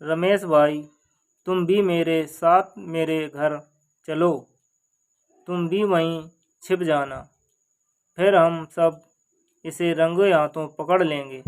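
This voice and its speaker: Guy doing a worried village husband from a folk tale, slow and anxious, highish voice. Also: fairly even intonation.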